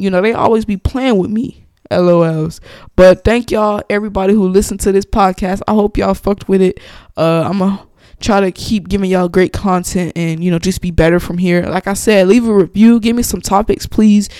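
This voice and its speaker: A young woman hosts her own podcast and talks straight to her listeners in a loose, blunt storytime voice. She swears freely and talks with her hands in her voice, animated and frank. Her pitch sits in the middle, and the sound is dry and close, with no room around it. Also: dry recording. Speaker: podcast host. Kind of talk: casual storytime monologue.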